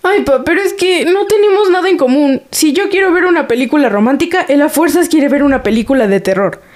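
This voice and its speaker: A woman's voice: sits high, expressive, brisk, a little mellow. An actress playing a sulky teenage daughter upset about her boyfriend, with a Mexican Spanish accent. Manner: sulky, reluctant.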